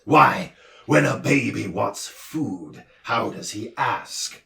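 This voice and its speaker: A man voicing a pompous male doctor who lectures loudly and roars, in a storybook reading. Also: lowish voice, animated, slow, creaky, echoey room, distant mic, heavily acted. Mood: lecturing. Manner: loud, roaring, lecturing. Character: booming gruff male noise doctor, pompous.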